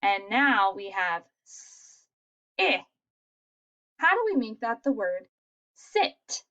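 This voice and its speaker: A woman teaching a phonics lesson to young children, sounding out letters slowly and praising answers. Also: mid-range voice, very animated, sharp tone, dull audio. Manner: slow, sounding out letters, encouraging.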